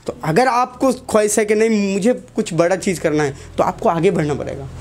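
A man's voice: high voice, brisk, darkish tone. A young man, a teacher giving a motivational talk to students in a classroom, asking the class short questions and repeating key lines.

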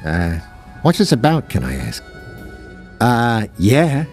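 A man's voice: medium pitch, huge pitch swings, slow pace, darkish tone, faint music behind, full character voice. A man voicing a nervous, chatty male alien townsperson who hems and hesitates, in video game dialogue.

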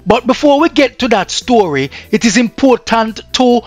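A man's voice: very high voice, expressive, moderate pace, no room sound, faint music behind. A man with a Jamaican accent commenting on news in a chatty way that drifts into patois.

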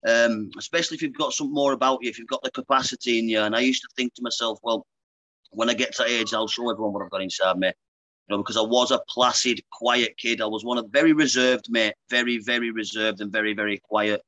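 A pro boxer in his thirties from Lancashire, England, chats frankly with a podcast host over a video call, ending sentences with "mate" as he tells his story. His mid-range voice is bright and forward, and he talks quickly. Recorded on earbuds, the sound is close, dry and low in quality.

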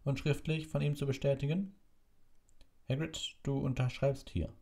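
A man's voice: medium pitch, steady tone, moderate pace, creaky, a little mellow, voice pushed up. A man voicing a pompous middle-aged minister who reads out a death sentence in a stiff official manner. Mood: formal. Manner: stiff, official, reading aloud.

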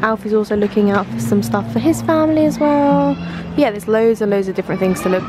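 Young girl vlogging, chatty w lots of ums, mid pitch, loud music behind. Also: brisk. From England. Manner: chatty, loose, many fillers. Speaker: travel vlogger. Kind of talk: casual vlog narration. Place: busy outdoor night market.

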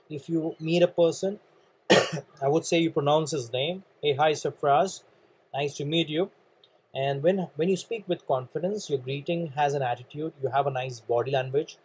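A man from India with an Indian English accent gives an earnest motivational training talk on networking, often calling listeners "guys" while coughing and clearing his throat. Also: a little high, a little mellow, poor audio.

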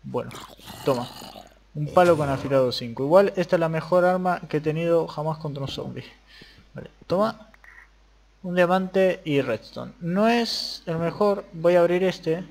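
A young Argentine man talking casually over a modded Minecraft game, jumping between quiet mutters and excited yelps. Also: a little high, moderate pace, vocal fry. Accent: Argentine Spanish. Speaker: gaming youtuber. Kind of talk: casual Minecraft let's play commentary.

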